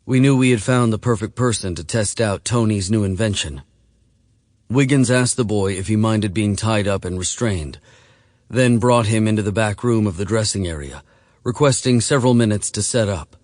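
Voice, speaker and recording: A man narrating an audiobook in a measured, steady reading voice. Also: fairly low pitch, dry recording, clean studio sound. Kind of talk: scripted narration.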